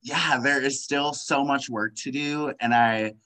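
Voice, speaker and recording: An impassioned young man in casual conversation, dropping "like" after "like" and breaking into short laughs. His voice is bright and forward. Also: mid-range voice, fairly even intonation, measured pace, rough recording. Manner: impassioned, many "like" fillers, frequent laughs. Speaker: guest.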